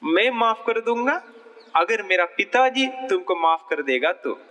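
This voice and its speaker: A monk voicing a gentle forgiving devout young woman. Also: high voice, expressive, unhurried, pitched above the performer's own voice, heavily acted. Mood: earnest.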